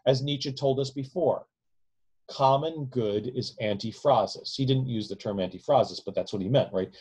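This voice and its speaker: Speaking at a moderate pace with a medium, darkish voice and a breathy edge, a man in his forties delivers a discursive, casual lecture. He sits close to a webcam in a home room with bookshelves, repeatedly adding "right?" to his points.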